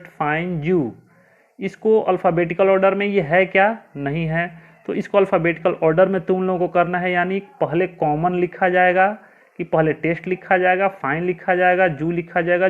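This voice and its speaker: A man teaching young pupils a spoken grammar lesson, patiently spelling words letter by letter and asking the class questions he then answers himself. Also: fairly high pitch. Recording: tinny phone-like audio.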